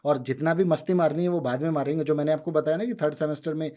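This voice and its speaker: A man in his thirties from India, a guest telling his story in a relaxed conversational way, switching between Hindi and English. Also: a little high, quick pace. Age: 30s. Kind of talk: casual conversational interview.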